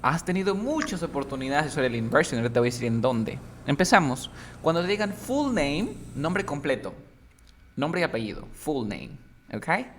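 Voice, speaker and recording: A man's voice: medium pitch, big pitch swings, a little fast, a bit bright, slight background noise. A man teaching English one-on-one, giving feedback patiently and explaining step by step while often checking that his student understands.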